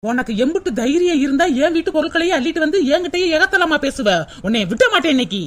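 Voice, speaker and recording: A woman voicing an angry young village wife in a cartoon, scolding in a shrill, rapid manner. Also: lively intonation, background noise. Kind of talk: cartoon voice acting.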